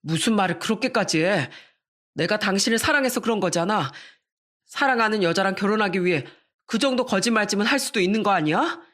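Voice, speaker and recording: A woman's voice: medium pitch, lively intonation, a little fast, fairly bright tone, lightly acted. A woman voicing a young husband who defends his lies in a pleading tone. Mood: defensive.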